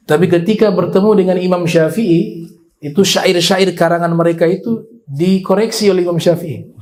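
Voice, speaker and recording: A man giving an Islamic religious lecture, explaining at length and reciting Arabic verses slowly. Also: fairly high pitch, a little mellow, rough recording. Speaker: Islamic preacher.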